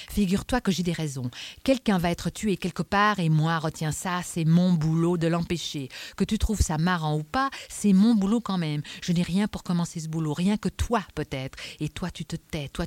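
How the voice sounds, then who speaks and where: A woman's voice: on the low side, no echo, lightly acted. A woman reading a blunt, scolding police inspector. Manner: forceful, scolding, emphatic.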